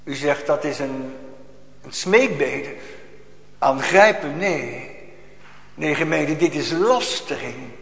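A man preaching a sermon to a congregation, slow and solemn, rising to emphatic outbursts, recorded in a church. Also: on the high side, animated, creaky, fairly bright tone, reverberant, long reverb tail, rough recording.

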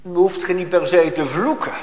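A man preaching a sermon to a congregation, slow and solemn, rising to emphatic outbursts, recorded in a church. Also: sits high, a little mellow, roomy sound, in a large hall, poor audio.

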